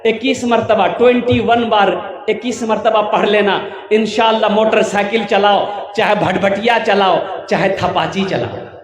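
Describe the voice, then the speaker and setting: A man with a Kolkata accent delivers a humorous sermon in a very high voice, unhurried and drawn out. He jokes and keeps pressing the crowd to call back their answers. The sound is roomy and echoey, as if carried by a public-address system in a hall. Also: fairly even intonation. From Kolkata, India. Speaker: preacher. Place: mosque gathering.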